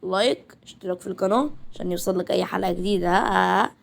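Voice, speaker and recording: A woman's voice: medium pitch, rapid-fire, gravelly. A woman with an Egyptian accent narrating a story casually and voicing all its characters. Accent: Egyptian Arabic. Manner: chatty, colloquial, voices the characters.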